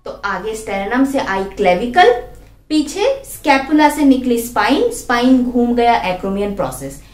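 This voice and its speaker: A young woman teaching biology walks her class through a diagram step by step as she draws, posing questions to the students and answering them herself. Her voice is on the high side and somewhat dark, with wide pitch movement and a measured pace, heard in an echoey room.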